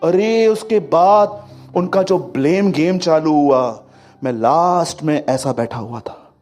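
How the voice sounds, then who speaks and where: A man preaching a sermon, telling stories and swinging between loud and hushed delivery. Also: a little high, slow. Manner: lively storytelling, acting out quotes, swings from loud to hushed. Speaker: pastor.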